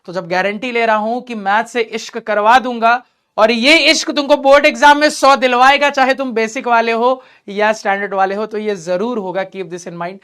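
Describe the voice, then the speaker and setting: A man's voice: very high voice, fairly even intonation, normal speed, a bit bright, smooth. A man teaching math in an online class, encouraging his students and repeating key points while talking to them directly.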